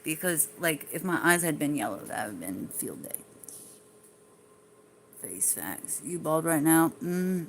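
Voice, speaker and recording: A woman's voice: low-pitched, very animated, measured pace, gravelly, long pauses, a little hiss or hum. A woman chatting casually on a livestream, rambling and swearing freely as she talks to her viewers and answers their comments.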